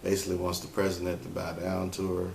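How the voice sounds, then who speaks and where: A podcast host with a low, creaky, monotone voice talks fast on his solo show, offering relationship advice off the cuff. He thinks aloud and fills the gaps with frequent fillers, in an echoey room with faint ambient noise.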